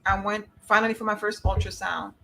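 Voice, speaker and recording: A woman hosting a podcast, telling a personal story in a casual, animated way and acting out the dialogue. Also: mid-range voice, brisk, gravelly, slight background noise. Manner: animated, acts out dialogue, laughs easily; addresses a live chat. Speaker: podcast host.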